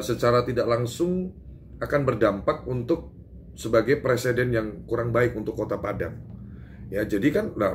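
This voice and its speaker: An Indonesian man makes an emphatic statement to reporters, his voice rising as he drives each point home. He stumbles over fillers and restarts. A faint noise sits behind him. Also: medium pitch. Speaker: public figure giving a press statement. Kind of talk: doorstop interview with reporters.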